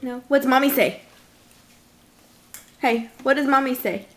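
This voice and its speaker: A woman's voice: sits high, unhurried, fairly bright tone, slight background noise. A woman at home at mealtime, patiently quizzing her toddler in a sing-song voice and repeating questions, recorded on a home video camera.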